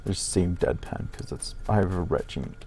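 A middle-aged man giving casual gameplay commentary in a deadpan way, swearing lightly and muttering to himself. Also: deep voice, moderate pace, a little hiss or hum. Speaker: gaming channel host.

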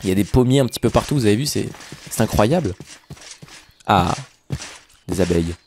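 A young man chatting excitedly to his viewers while commenting on his own gameplay. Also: lowish voice, fairly quick, a little hiss or hum. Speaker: gaming YouTuber. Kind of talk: Minecraft let's play commentary.

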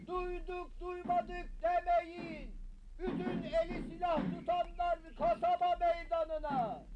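Town crier, urgent, very high voice, slow proclamation, noisy old film soundtrack. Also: male voice. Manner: calling out in slow, chanted phrases. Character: urgent male town crier shouting a war summons.

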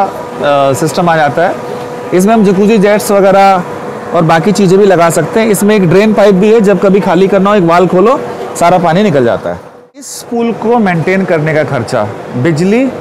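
A man in his forties giving a confident, persuasive sales pitch at a stall in a large exhibition hall. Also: noisy background. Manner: confident, persuasive, gestures while explaining. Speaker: pool company representative.

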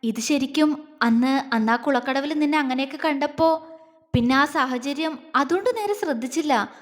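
A woman voicing a tender young husband who speaks softly, stammering and halting. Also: sits high, in a large hall, close to an everyday voice. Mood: trembling tender.

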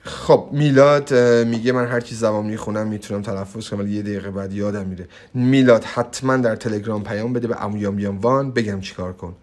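A young man teaching English online in a livestream. He talks in a brash, hyped way, swears freely, and drops in slow, emphatic English phrases. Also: on the low side, steady tone, a little mellow. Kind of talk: energetic livestream pitch and Q&A.

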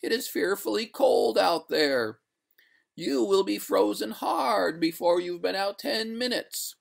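A narrator voicing a genteel, haughty female water ghost in a storybook, pleading in drawn-out, breathy, melodramatic wails. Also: medium pitch, lively intonation, pitched above the performer's own voice, heavily acted. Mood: reluctant, warning.

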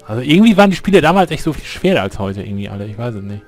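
A man's voice: medium pitch, big pitch swings, racing, a little mellow. A man doing casual, enthusiastic, rambling commentary as he plays a game. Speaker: let's player. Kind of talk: casual gameplay chat. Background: game music.

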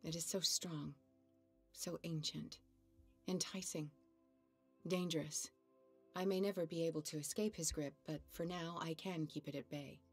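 A haunted, solemn woman in a horror game, speaks low and husky. Music plays behind her grave words. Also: fairly even intonation, unhurried, exaggerated voice. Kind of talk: dramatic video game acting. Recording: game dialogue over background music.

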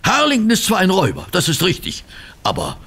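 Watson, creaky, very animated sidekick. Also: male voice, sits high, a little fast, exaggerated voice. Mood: puzzled, doubting. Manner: flustered, stammering, questioning. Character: befuddled, excitable, good-natured gentleman sidekick and narrator. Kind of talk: German audio drama acting.

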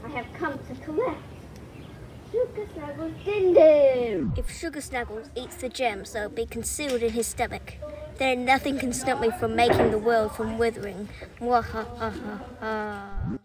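A young woman playing a theatrical villain who dotes on a pet serpent, speaking with slow menace in an amateur student film, recorded outdoors. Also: a little high, far from the mic, lightly acted. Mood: gloating menace. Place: outdoors in a schoolyard.

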